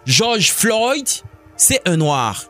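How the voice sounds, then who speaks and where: A man's voice: sits high, sing-song, very slow, a bit bright, soft background music. A man hosting a radio show, giving emphatic news commentary that switches between Creole and French.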